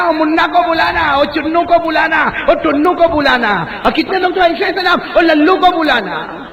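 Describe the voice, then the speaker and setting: A male preacher with a strikingly high-pitched voice that sits far above most men's. His tone is bright and keen. He keeps coaxing the congregation to respond and sinks to a hush when he tells the story. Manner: coaxes the audience to respond, repeating prompts; drops to a hushed low voice for storytelling. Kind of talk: devotional sermon with chanted verses.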